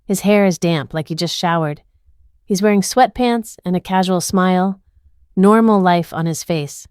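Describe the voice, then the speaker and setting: A woman telling a dramatic first-person story in scripted narration, tense, intimate and measured. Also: fairly low pitch, a little mellow, smooth, dry recording, clean studio sound.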